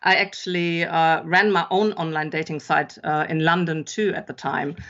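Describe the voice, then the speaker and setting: A woman's voice: deep voice, fairly even intonation, normal speed, a bit bright. A middle-aged woman from Germany with a German accent, a podcast guest chatting in a rambling way with many fillers. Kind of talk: casual interview chat. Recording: dull lo-fi sound.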